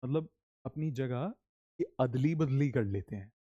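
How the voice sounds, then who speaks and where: Slow, mellow man teaching English. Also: mid-range voice, no room sound, lo-fi sound. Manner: slow, animated drills with repeat-after-me prompts. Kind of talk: spoken English lesson in Hindi.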